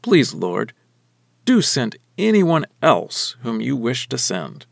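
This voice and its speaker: A man's voice: medium pitch, wildly swooping pitch, slow, vocal fry, dry recording, full character voice. A man voicing a reluctant male prophet who pleads and hesitates. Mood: pleading.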